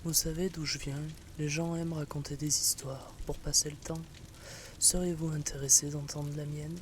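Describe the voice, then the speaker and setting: A man voicing a friendly, gently mocking reptilian adventurer in a fantasy story, with a soft, sibilant hiss and a calm, courteous manner. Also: a little high, moderate pace, close to an everyday voice. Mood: nostalgic. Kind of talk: fantasy audio story character acting.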